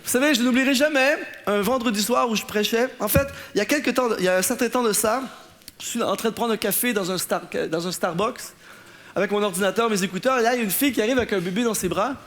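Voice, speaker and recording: A man's voice: high-pitched, fast talker. A man, a pastor preaching to a live audience and acting out the people in his anecdotes. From Canada. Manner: animated storytelling, acting out the people in his stories. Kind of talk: sermon. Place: church in front of an audience, laughter heard.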